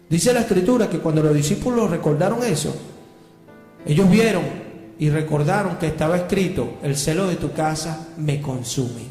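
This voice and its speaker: High-voiced preacher in an echoey church. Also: male voice, darkish tone. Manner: emphatic preaching, rhetorical questions to the congregation. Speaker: pastor. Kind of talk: sermon. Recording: echoey church hall with music.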